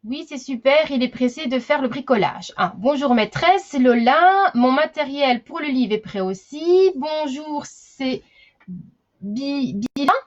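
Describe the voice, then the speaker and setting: A woman's voice: high-pitched, dull audio. A woman teaching a live online class for young children, chatty, greeting each child by name.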